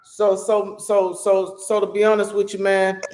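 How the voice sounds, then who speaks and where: A man hosting a casual livestream interview, animated and repeating his words as he hypes the audience. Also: high-pitched, measured pace. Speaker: host. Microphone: phone.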